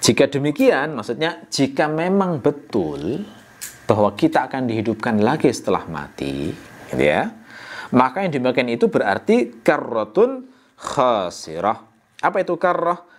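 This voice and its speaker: A man teaching the meaning of a scripture passage in a relaxed, conversational way. He poses rhetorical questions and answers them himself. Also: mid-range voice, moderate pace. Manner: conversational, frequent "ya" and "nah" fillers. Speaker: Quran exegesis teacher. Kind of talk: explanatory religious lecture.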